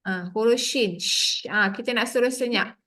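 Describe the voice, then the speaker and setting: A woman's voice: a little high, fairly even intonation, normal speed, a bit bright. A woman with a Malaysian Malay accent teaching a tajweed class, explaining sounds patiently step by step. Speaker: Quran recitation teacher. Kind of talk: online tajweed lesson.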